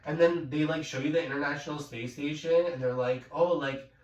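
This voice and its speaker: Young guy vlogging in his kitchen, rambling and swearing, voice on the high side, echoey and off-mic. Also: steady tone, brisk, highs cut off. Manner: rambling, profane, ranting, many fillers. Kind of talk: rambling cooking vlog rant. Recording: echoey room, mic at a distance.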